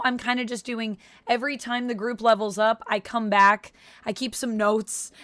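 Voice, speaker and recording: A young woman hosts a casual vlog reviewing a show, chatting enthusiastically like a fan. She's a little sick, so her slightly high, somewhat bright voice sounds a bit off. The recording is dry, with clean studio sound.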